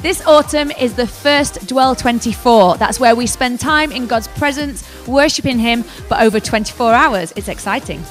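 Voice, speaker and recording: A woman's voice: fairly high pitch, normal speed, few pauses. A young woman presenting church news announcements into a handheld mic in a church café, upbeat and inviting. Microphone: handheld microphone. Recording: music bed behind voice.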